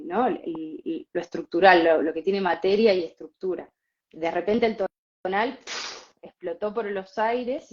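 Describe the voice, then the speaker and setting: A woman, co-hosting and telling a spiritual story in a casual, animated way with frequent laughs. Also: medium pitch. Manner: animated, laughs often, many fillers. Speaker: podcast co-host. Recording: slightly dull lo-fi sound.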